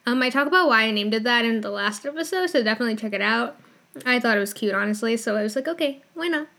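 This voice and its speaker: A woman's voice: a little high, fast talker, pushed and bright. A woman with a noticeable lisp hosting a podcast, talking casually and informally with plenty of "like" as filler. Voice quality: strong lisp. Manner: informal, filler-heavy with frequent "like". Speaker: podcast host. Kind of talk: casual chatty podcast monologue.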